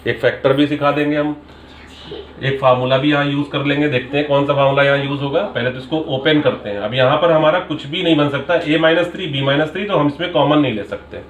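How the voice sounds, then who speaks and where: A man's voice: a little high, fast, a little hiss or hum. A man, a maths teacher, patiently explaining a question paper step by step and mixing in English terms. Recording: echoey room sound.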